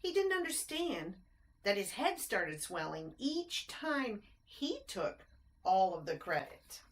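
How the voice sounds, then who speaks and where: Slowly and with plenty of expression, a woman reads a rhyming picture book to children in a medium-pitched voice. She breaks off for friendly explanations and simple questions aimed at the kids.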